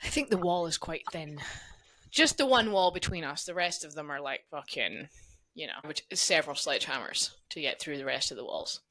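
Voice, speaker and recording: A woman's voice: deep voice, lively intonation, a little fast, sharp tone, no room sound. A young adult woman co-hosting a casual podcast chat. She tells stories and swears freely. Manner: chatty storyteller, swears freely. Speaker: podcast co-host.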